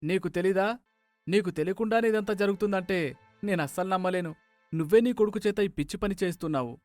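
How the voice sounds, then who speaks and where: A man's voice: high voice, brisk, no room sound, faint music behind, voice pushed up, lightly acted. A man doing a furious, bigoted village elder. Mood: angry. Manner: shouting, threatening. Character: angry older village man, proud and bigoted.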